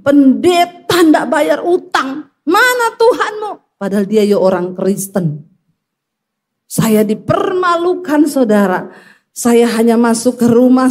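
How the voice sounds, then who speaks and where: A middle-aged woman pastor, preaching a sermon with emotional storytelling that rises to a high pitch. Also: a little mellow.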